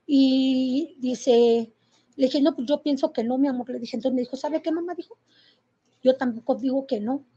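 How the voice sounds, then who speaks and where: A middle-aged woman speaks with a Mexican accent in a high, mellow voice. She tells her story haltingly and with feeling, full of fillers and restarts. The recording is muffled and lo-fi. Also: steady tone, slightly rough. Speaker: interviewee. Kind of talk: personal testimony.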